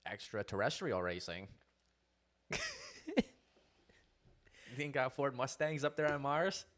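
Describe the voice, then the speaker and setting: Young male co-host, lively pitch swings, rambling laugh-prone delivery, casual. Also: takes it slowly. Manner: animated, laughs often, rambling asides. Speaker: podcast co-host. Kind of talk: casual chat.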